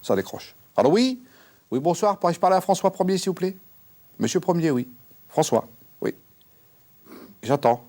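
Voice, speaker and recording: An actor playing a brash, crude fairground owner who claims to speak with the dead, talking in loud slang that jumps into high squeals. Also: male voice, sing-song, moderate pace, long pauses. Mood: rowdy. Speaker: talk show guest claiming to speak with the dead. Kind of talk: sketch comedy acting.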